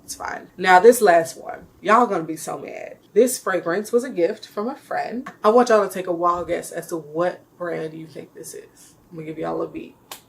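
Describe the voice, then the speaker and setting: A woman's voice: fairly low pitch, moderate pace, creaky, hardly any pauses, rough recording. A young woman reviewing perfumes in casual chat to camera, emphatic and chatty, calling her viewers y'all and laughing often. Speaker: beauty vlogger reviewing perfumes.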